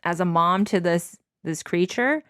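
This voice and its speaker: Young woman, lower-pitched, close dry sound. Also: unhurried, fairly bright tone, no room sound. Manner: informal, candid, punctuated with "like". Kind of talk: casual personal storytelling. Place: small bedroom, indoors. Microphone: handheld microphone.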